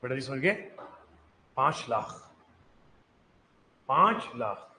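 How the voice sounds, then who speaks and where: A man's voice: mid-range voice, animated, slow pace, pushed and bright, echoey room, poor audio. A man teaching an online reading lesson, coaxing students to sound out letters, mixing in English phrases. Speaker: Urdu teacher.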